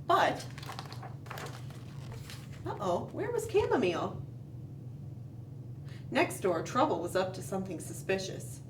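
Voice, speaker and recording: Her voice a little high, a woman leads storytime by reading a picture book to young children at an easy pace and with plenty of expression, including dramatic pauses and questioning asides. The roomy space and faint background noise come through, and she is some distance from the mic.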